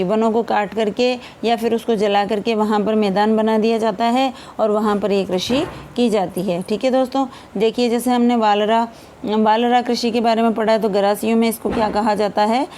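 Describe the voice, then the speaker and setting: A woman teacher gives a fast revision lesson for an exam, calling her viewers friends and asking and answering her own questions. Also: fairly high pitch, mellow, slight background noise.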